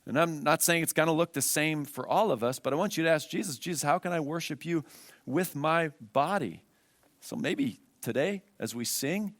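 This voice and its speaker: A man delivers a sermon in a church, earnest and insistent, circling back to key phrases and putting questions to the congregation. His pitch sits in an ordinary middle range, and the sound is close and dry with little room echo. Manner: earnest, asks the listeners rhetorical questions; emphatic, repeats key phrases. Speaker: pastor. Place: church with a screen.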